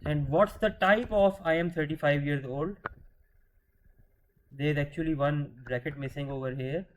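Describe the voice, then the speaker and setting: This screen-share coding tutor is a man whose voice sits on the high side and moves a little slowly. He patiently fields his own questions and often restarts words mid-sentence. There's slight background noise and the recording is rough.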